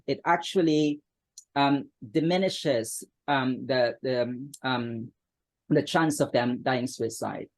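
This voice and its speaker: A man from the Philippines, a guest author, answers interview questions hesitantly, with plenty of ums and restarts. His voice is mid-range and a little mellow.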